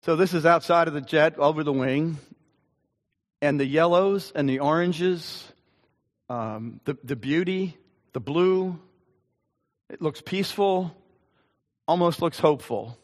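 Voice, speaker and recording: A man's voice: a little high, measured pace, long pauses. An older man, a pastor, preaching an earnest, conversational sermon and reading scripture with emphasis. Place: church sanctuary. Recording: long reverb of a church hall.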